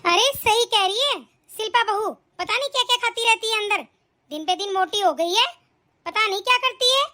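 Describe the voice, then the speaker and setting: A woman voicing a spiteful, bossy older mother-in-law in an animated family drama, with taunting lines. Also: extremely high pitch, moderate pace.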